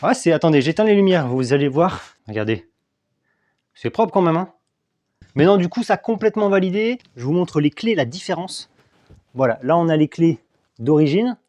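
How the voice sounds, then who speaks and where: A man's voice: a little high, lively intonation, moderate pace, darkish tone, no echo. A man giving a casual, hands-on review of car accessories, chatty and self-mocking as he thinks aloud while testing.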